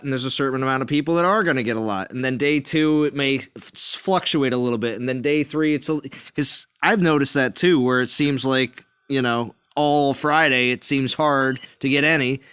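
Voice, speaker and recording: A man's voice: medium pitch, fairly even intonation, brisk, few pauses, fairly bright tone, smooth. A man hosting a live gaming stream in casual, chatty talk. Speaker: stream host.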